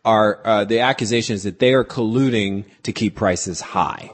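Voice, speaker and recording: A man with a deep, low voice talks as a guest novelist in a relaxed interview. He tells stories in an animated way and drops wry asides as he goes. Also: normal speed, husky. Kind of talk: casual interview chat.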